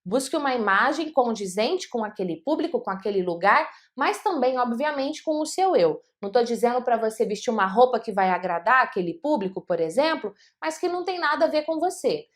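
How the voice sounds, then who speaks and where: High-voiced woman coaching public speaking. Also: brisk, few pauses. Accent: Brazilian Portuguese. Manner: energetic, addresses viewer directly. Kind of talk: motivational video lesson.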